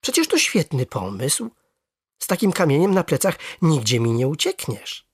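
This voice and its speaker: Soft-spoken old granddad from a storybook, measured and dry-sounding, put on by the reader. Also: wildly swooping pitch, slightly rough, dry recording, full character voice. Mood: gently stern. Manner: quiet, low, measured. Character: calm, wise old grandfather.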